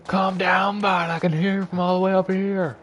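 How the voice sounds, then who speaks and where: A man's voice: high voice, level tone, normal speed, a bit bright, slight background noise. A man streaming gameplay, joking, cursing and putting on mock voices. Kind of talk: live gameplay commentary.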